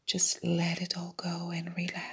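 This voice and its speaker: A woman guiding a hypnosis meditation in a soft unvoiced whisper, repeating soothing suggestions. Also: on the low side, monotone, measured pace, husky. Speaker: meditation guide.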